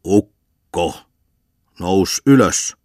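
A man voicing a pompous, hot-tempered village sexton who preaches haltingly and shouts in fury, in a storybook reading. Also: on the low side, lively intonation, no echo, clean studio sound, voice pushed up. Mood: furious. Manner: preachy, halting sermon delivery turning to furious shouting.

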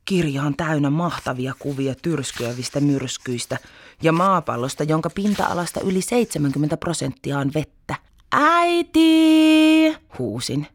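A woman reading a children's story aloud in an expressive, animated way. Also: sits low, breathy edge, no echo.

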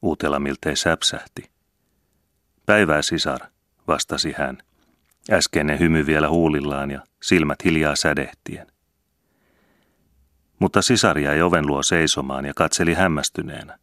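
Very deep-voiced male audiobook narrator. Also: steady tone, fairly bright tone, no echo, clean studio sound. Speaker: audiobook reader.

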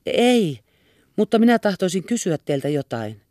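A woman's voice: fairly low pitch, very animated, darkish tone, dry recording, studio quality, voice pushed up. A woman reader voicing an anxious young woman who pleads tenderly and earnestly. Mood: pleading. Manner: earnest and imploring.

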